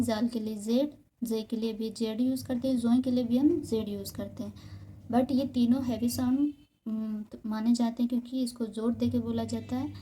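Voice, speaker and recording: A woman's voice: a little high, dark tone, a little hiss or hum. A woman teaching beginners the alphabet, patiently repeating each example word. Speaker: Urdu teacher. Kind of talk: beginner's Urdu alphabet lesson.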